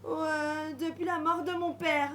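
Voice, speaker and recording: On a live amateur stage with audience noise, an actress plays a shy woman who says every sentence twice in a flat, timid way. Her voice is high-pitched and her pace is slow.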